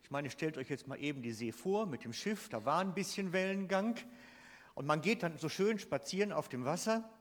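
A Swiss man preaches a sermon in a church hall, his fairly high voice animated and emphatic at a normal speed as he poses questions to the congregation. The hall's long reverb trails after his words.

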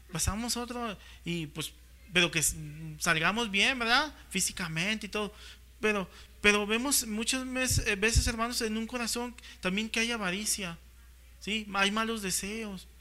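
A man's voice: sits high, bright, forceful tone. A man preaching a sermon, often checking in with the congregation and acting out quotes in playful voices. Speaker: pastor.

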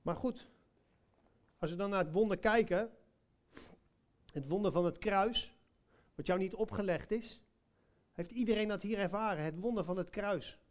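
A man's voice: sits high, normal speed, pauses often. A man preaching a sermon, telling a personal story in a conversational way, with many hesitations and direct questions to listeners.

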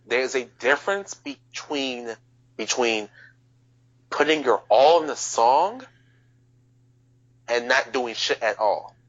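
A man in a casual reaction chat, speaking calmly and explaining his points step by step. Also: mid-range voice. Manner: calm, measured, explains things step by step. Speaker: music reaction co-host. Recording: dull lo-fi sound.

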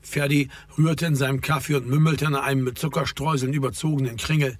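A man's voice: mid-range voice, fairly even intonation, fairly quick, no echo. A man reading a novel aloud in a matter-of-fact way. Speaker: audiobook reader. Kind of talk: scripted narration.

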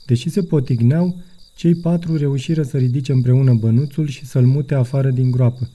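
A man reading a children's audiobook as narrator, in an even storytelling manner. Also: medium pitch. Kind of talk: scripted narration.

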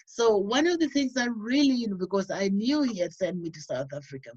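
A woman's voice: medium pitch, lively intonation, a little fast, a little mellow, slightly rough, no echo. Woman from Uganda, earnest testimony, says "you know" a lot, muffled dry sound. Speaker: guest. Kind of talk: personal testimony.

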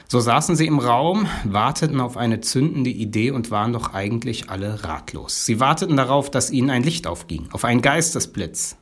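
Man preaching in a slow storytelling sermon. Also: breathy edge. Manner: measured, dramatic pauses, drops to a low quiet voice.

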